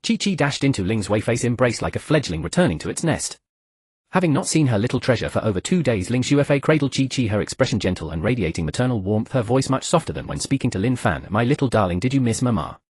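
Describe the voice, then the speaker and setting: Fast, animated male audiobook narrator. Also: mid-range voice, slightly rough, no echo, studio quality. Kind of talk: scripted narration.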